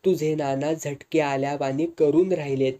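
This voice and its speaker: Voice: medium pitch, fairly even intonation, normal speed, dark tone, natural voice. A storyteller voicing a blunt older woman who protects her daughter. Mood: urgent.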